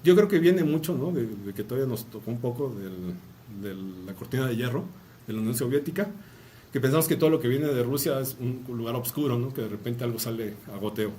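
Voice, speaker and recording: Fast-talking Mexican man lecturing from afar. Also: medium pitch, mellow. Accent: Mexican Spanish. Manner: chatty, tags phrases with a questioning "no?", joking asides. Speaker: university lecturer. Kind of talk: casual academic talk. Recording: distant mic with faint room noise.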